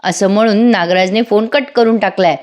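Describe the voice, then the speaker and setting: A woman's voice: mid-range voice, fairly even intonation, brisk, darkish tone. Chatty woman recapping a serial. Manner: chatty, addresses viewers, light laughs. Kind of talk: casual voice-over episode recap.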